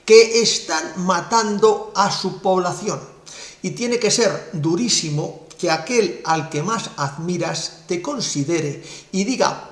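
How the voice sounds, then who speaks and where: Scornful commentator, echoey. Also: male voice, high-pitched, a bit bright. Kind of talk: political commentary monologue. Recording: roomy echo.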